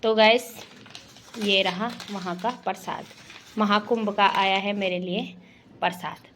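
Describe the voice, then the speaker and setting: A young woman from Garhwal, chatting fast and cheerfully to her viewers in a casual home vlog. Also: mid-range voice, fairly even intonation, fairly bright tone, slight background noise. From Garhwal, Uttarakhand. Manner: fast-talking, chatty, addresses viewers as guys. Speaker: vlogger.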